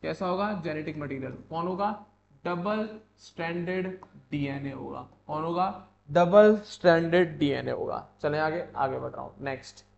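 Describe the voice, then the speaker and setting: A man's voice: fairly high pitch, vocal fry. A man teaching a biology exam-prep class in Hindi with English terms, asking questions and repeating the answers back to students. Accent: Hindi-English code-switching. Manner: reads English textbook lines slowly, then explains in Hindi. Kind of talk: online exam-prep lecture. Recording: echoey lo-fi room with faint hum.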